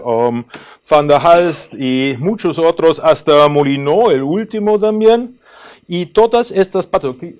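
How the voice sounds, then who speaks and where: A man presenting at an academic conference, explaining in a thoughtful, questioning way with frequent pauses and filler sounds. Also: fairly high pitch. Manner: analytical, questioning tone.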